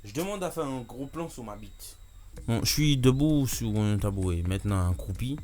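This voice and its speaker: A man's voice: medium pitch, expressive, moderate pace, over loud music. Joking young man reacting to videos. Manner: joking, sarcastic asides, many filler "hein". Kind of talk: casual reaction commentary.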